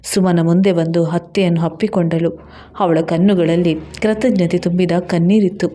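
A woman storyteller reading a scripted tale in an even, measured way. Her voice is dark and mellow throughout. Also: fairly low pitch.

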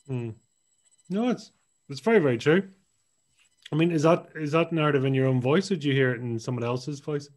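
A man's voice: on the high side, a little fast, long pauses, a little mellow. Chatty male podcast host. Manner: chatty, jokey, acts out little quoted exchanges. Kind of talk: casual podcast interview.

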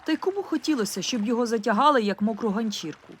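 A woman reading a first-person audiobook in an expressive, lively storytelling manner. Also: on the high side, rapid-fire, slightly rough. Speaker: audiobook reader.

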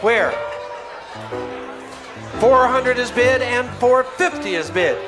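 Chanting bid after bid, a middle-aged auctioneer works a live benefit auction on stage in a large banquet hall, his handheld microphone feeding a PA. His very high voice is expressive and slow, backed by music and a crowd.

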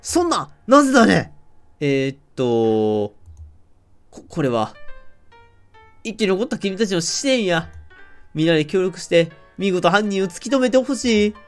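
A man voicing the spirit of a murdered man from Kansai, speaking through someone else's body in an exaggerated, slow, low fake Kansai dialect. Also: big pitch swings, faint music behind, full character voice. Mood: solemn. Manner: slow, low, theatrical spirit-medium delivery.

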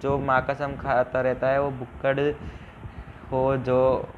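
A man's voice: mid-range voice, monotone, slow, muffled recording, background noise. A young man hosting a casual live game stream, reading viewer comments aloud, mixing English into Hindi and often pleading for subscribers. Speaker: live-stream gaming host.

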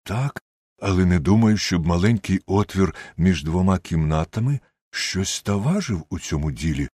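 Man doing Watson, husky, eager, pitched up from his narrating voice, close and dry audiobook read. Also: lively intonation, normal speed, darkish tone, dry recording. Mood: puzzled. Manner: earnest, exclaiming, astonished questions. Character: Dr. Watson, eager male companion, middle-aged. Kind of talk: audiobook character reading.

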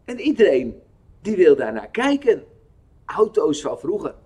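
Man, children's Bible storyteller, slow and slightly husky, very animated pitch. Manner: expressive, questioning the listener.

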